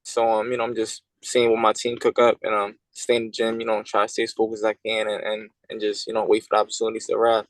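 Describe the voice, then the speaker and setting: A man in his twenties, from Puerto Rico and raised in Pennsylvania, talking as a boxer guest over a video call in a halting way, full of fillers and repeated words. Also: on the low side, monotone, no echo, low-quality recording. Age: 20s.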